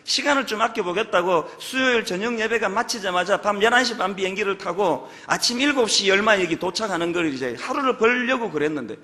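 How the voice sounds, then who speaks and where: High, lively pastor preaching in a hall. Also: male voice, brisk, hardly any pauses. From Gyeongsang, South Korea. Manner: emphatic, full of rhetorical questions. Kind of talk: sermon. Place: church sanctuary. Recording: long reverb of a large hall.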